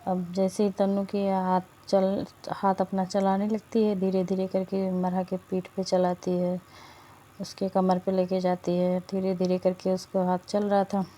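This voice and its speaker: Woman storyteller, casual chatty narration, dark mellow tone, flat delivery. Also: mid-range voice, unhurried. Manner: conversational, chatty asides.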